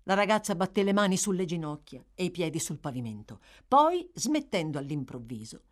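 Brief: woman narrator for a classic novel, low-set voice with wide, animated intonation. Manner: expressive, measured storytelling. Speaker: audiobook narrator. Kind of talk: scripted literary narration.

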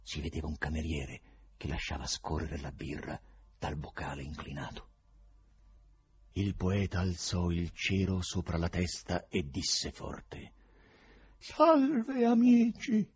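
A man reading a novel aloud as an audiobook, with a husky voice and expressive delivery. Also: a bass voice, unhurried, dry recording. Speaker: reader. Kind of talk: audiobook narration.

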